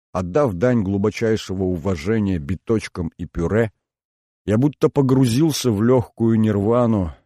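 A man reading a novel aloud in an unhurried, lyrical storytelling manner. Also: lowish voice, mellow, no room sound, studio quality. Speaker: audiobook narrator. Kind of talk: scripted narration.

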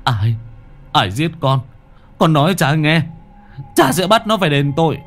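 A man voicing a grieving young father who pleads in loud cries in a storybook reading. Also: medium pitch, very animated, moderate pace, husky, soft background music. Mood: desperate.

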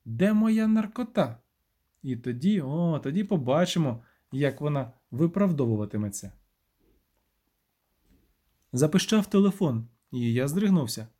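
Brief: male narrator, measured and wry, warm low-brightness tone. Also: lively intonation, husky. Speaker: audiobook narrator. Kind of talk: first-person audiobook narration.

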